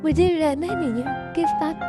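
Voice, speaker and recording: A woman's voice: high-pitched, fairly even intonation, loud music behind the voice. A woman voicing a betrayed, tearful young wife. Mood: hurt. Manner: slow, halting, tearful. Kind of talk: Hindi fan dub drama.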